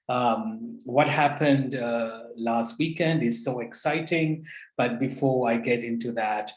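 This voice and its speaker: Hesitant man speaking in an echoey room. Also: medium pitch. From Sri Lanka. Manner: earnest, hesitant with many fillers. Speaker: panel speaker. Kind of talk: online panel talk. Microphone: video call.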